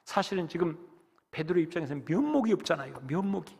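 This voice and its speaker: A man preaching a sermon as pastor, dramatic, rising to loud exhortation and dropping to hushed whispers. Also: fairly high pitch, animated, fast talker, vocal fry, husky. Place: church sanctuary. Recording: long reverb of a church hall.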